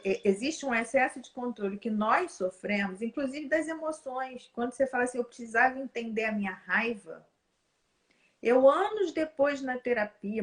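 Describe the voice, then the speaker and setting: A woman in her forties with a Brazilian Portuguese accent, in a casual conversation, talking emphatically and speeding up as she tells stories. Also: on the high side.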